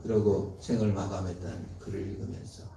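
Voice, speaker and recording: A man preaching a sermon as a pastor, dramatic, swinging between loud emphatic lines and hushed tender ones. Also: low-pitched, little pitch movement, brisk, a little hiss or hum. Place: church sanctuary. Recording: very echoey, from far off.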